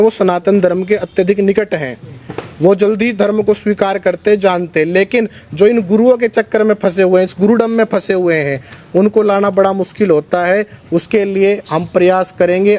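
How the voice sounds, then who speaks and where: A man speaking as a religious organisation's spokesman at a press conference, in a forceful, combative preaching tone. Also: sits high. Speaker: Arya Samaj spokesman.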